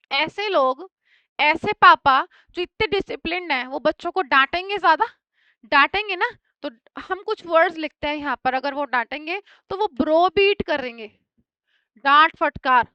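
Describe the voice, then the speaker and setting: Female exam-prep teacher with a bright voice, quizzes students as she lists words, close dry sound. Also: high voice, no echo, highs cut off. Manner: explains each word with everyday examples and quick checks; rapid lists of synonyms. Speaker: English vocabulary teacher.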